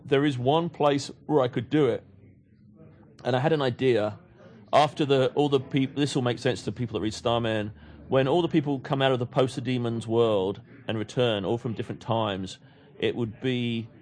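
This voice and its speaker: A man from England, raised in London, talking casually as a guest on a podcast, rambling with frequent restarts and repeated words. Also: medium pitch. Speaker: comics writer guest.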